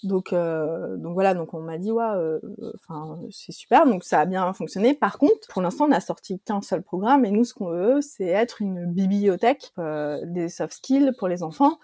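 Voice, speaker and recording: A woman talks through a casual interview with a mellow, dark voice that trembles and cracks from an allergy. She fills her speech with hesitations and restarts. The sound is dry and close. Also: on the low side, moderate pace, hardly any pauses, no room sound. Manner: talkative, many fillers and restarts. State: voice weak and shaky from allergy. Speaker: app founder, guest.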